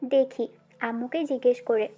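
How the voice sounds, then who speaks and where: Woman playing a bubbly young girl in an audio drama, high and chirpy. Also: steady tone, normal speed, dark tone, soft background music, close to an everyday voice. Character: cheerful young university girl.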